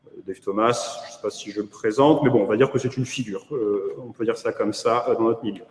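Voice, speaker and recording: A man's voice: fairly low pitch, steady tone, fairly quick, a little mellow. A man with a French accent giving a conference keynote online, hesitant with many fillers and wry asides. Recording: echoey room with long reverb.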